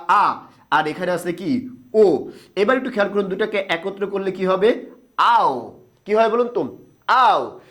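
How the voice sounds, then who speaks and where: A man teaching a grammar lesson on video, asking questions and then answering them himself, and drawing sounds out slowly for the viewer to repeat. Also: high voice, a bit bright. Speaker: Bengali grammar instructor.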